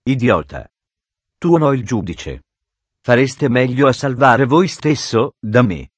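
A man voicing a stern, pompous older judge, speaking slowly and indignantly in a dry recording. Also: mid-range voice, expressive, slightly rough, no echo. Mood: scornful.

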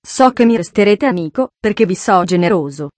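In a storybook reading, a woman plays a gentle, modest young woman who speaks softly and with restraint. The voice is recorded close and dry. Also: mid-range voice, animated, fairly quick, no echo, natural voice. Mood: gentle sorrowful.

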